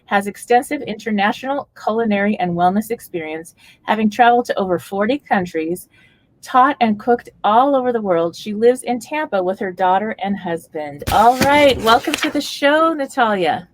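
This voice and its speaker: A woman's voice: mid-range voice, animated, moderate pace, dry recording. A woman hosting a radio interview show, reading an upbeat introduction and asking her guest questions.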